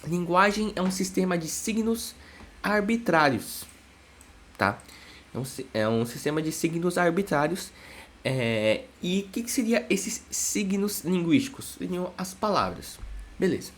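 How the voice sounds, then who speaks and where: A man's voice: high-pitched, expressive, measured pace, fairly bright tone, slight background noise. Chatty man teaching a lesson. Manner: chatty, constant "né?" tag questions. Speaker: psychologist teaching psychopathology. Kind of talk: casual explanatory lesson.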